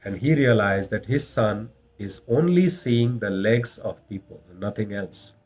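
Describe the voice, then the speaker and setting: Indian accent guy doing a motivational leadership talk, storytelling, deliberate, repeats stuff to make the point. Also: on the low side, expressive, darkish tone. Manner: deliberate, repeats phrases for emphasis. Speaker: leadership trainer.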